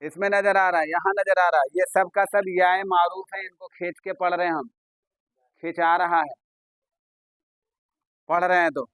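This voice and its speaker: A man's voice: sits high, steady tone, a bit bright, dry recording, low-quality recording. A man with an Urdu accent teaching a classroom grammar lesson, repeating points and questioning his students. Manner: repetitive, questioning students, drawn-out explaining.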